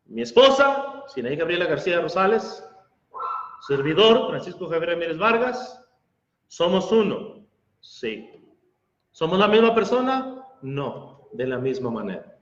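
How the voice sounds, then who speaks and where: High-voiced preacher man in an echoey hall. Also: big pitch swings, a little slow. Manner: argues through Bible verses and rhetorical questions. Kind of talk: sermon. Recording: echoey hall, dull lo-fi sound.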